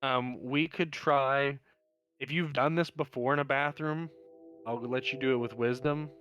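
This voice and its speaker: A man's voice: mid-range voice, fairly even intonation, a little slow, a bit bright, smooth, lo-fi sound, faint music behind. A man running a tabletop game as game master, narrating in a casual, rambling way.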